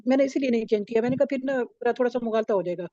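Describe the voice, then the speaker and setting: A woman student in an online class, reading a word-by-word translation slowly and carefully. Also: on the high side, dark tone, no room sound. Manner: slow, careful recitation. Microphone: video call mic. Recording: dull lo-fi video call audio.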